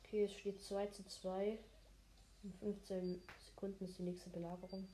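A woman giving casual, low-key, mildly grumbling commentary on her own gameplay. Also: flat delivery, moderate pace, dark tone, slight background noise. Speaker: gamer commentating own play.

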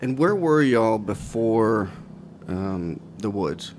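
Relaxed male podcast co-host. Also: fairly low pitch, slow pace, slight background noise. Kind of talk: casual chat.

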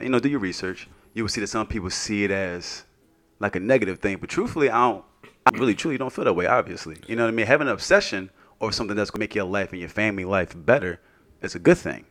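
A man with a very deep, low voice co-hosts a casual podcast. He talks in an earnest, reflective way, circling his point and checking in with his listeners as he goes. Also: quick pace, a bit bright. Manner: earnest, reflective, often asks "you know what I mean". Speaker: podcast co-host.

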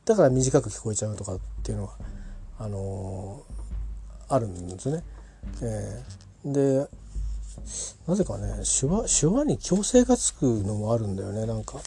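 Rambling, chatty man with a mellow voice. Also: fairly low pitch, sing-song, moderate pace, long pauses, a little hiss or hum. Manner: rambling, self-correcting, chatty with many fillers. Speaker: English pronunciation learner reviewing a book. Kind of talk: casual spoken book review.

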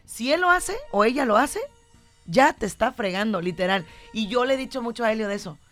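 A woman's voice: on the high side, animated, brisk, fairly bright tone, faint music behind. A woman with a Mexican Spanish accent co-hosting a talk show, chatting casually and acting out quoted lines with animation. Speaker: radio show host.

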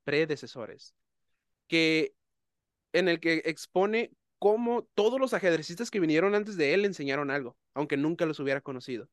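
A man's voice: a little high, dry recording, clean studio sound. Thoughtful man hosting a chat. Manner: thoughtful, explaining ideas carefully. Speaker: host. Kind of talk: casual conversation.

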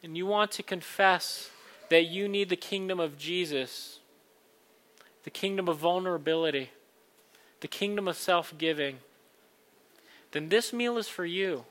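Male pastor, high bright voice, earnest kindly sermon delivery in short repeated phrases. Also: a little slow, pauses often. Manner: rhetorical repetition in short phrases. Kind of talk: church sermon and communion liturgy.

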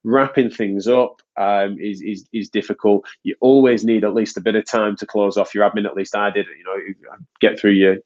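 Here a UK physiotherapist hosting a podcast speaks at normal speed in a fairly low, slightly mellow voice with fairly even intonation. A congested nose makes him sound nasal and stuffed-up, and he rambles casually with frequent restarts over dull lo-fi sound.

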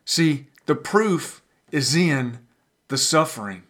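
A man preaching a sermon as pastor, building emphasis with dramatic pauses and sometimes repeating words as he pushes a point. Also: on the high side, expressive, fairly bright tone.

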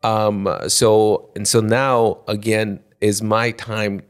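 A man in his sixties from Ecuador, a podcast guest talking off the cuff in halting, restarting phrases. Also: on the low side, flat delivery, clear, resonant tone. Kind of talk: spontaneous conversation.

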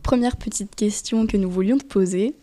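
A woman's voice: mid-range voice, normal speed, dark tone. Friendly female radio co-host. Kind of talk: radio interview.

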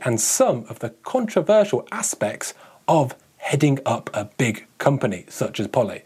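Man, podcast host, enthusiastic, casual, husky voice. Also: mid-range voice, darkish tone. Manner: enthusiastic, self-described bike tech fanboy.

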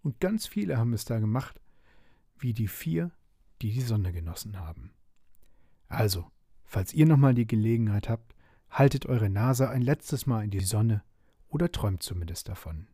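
A man reading a bedtime story aloud in a gentle, expressive way. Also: lowish voice, moderate pace, no echo, studio quality.

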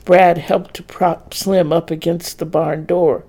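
Slow, gravelly male story narrator. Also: on the high side, level tone, dark tone. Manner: measured, plain storytelling. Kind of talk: scripted narration of a romance story.

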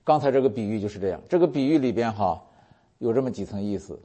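Earnest male preacher, dark husky voice. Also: on the low side, lively intonation, fast talker. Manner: earnest, warm storytelling preacher quoting scripture. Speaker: pastor. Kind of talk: sermon.

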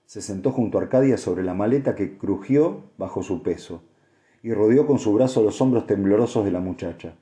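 A man narrating an audiobook in a steady, measured reading. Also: on the low side. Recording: echoey room.

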